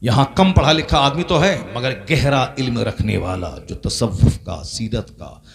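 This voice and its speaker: Gravelly preacher man building to fervor. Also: medium pitch, lively intonation, unhurried, noisy background. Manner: rising to impassioned repeated refrains. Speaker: Islamic preacher. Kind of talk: sermon.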